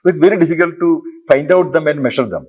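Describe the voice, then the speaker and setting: Speaking Malayalam-accented Indian English, a middle-aged Kerala lecturer gives an interactive university lecture in a lecture hall, walking through ideas step by step and often questioning the audience. His voice sits on the high side, lively and quick, a little mellow and husky.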